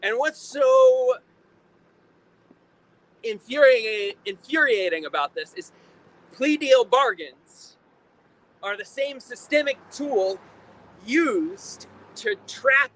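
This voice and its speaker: A man giving an impassioned protest speech like a preacher, emphatic and deliberate, repeating phrases for effect. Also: very high voice, animated, fairly bright tone. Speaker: preacher, rally speaker. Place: outdoors at a rally in town. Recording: noisy outdoor urban recording, faint traffic.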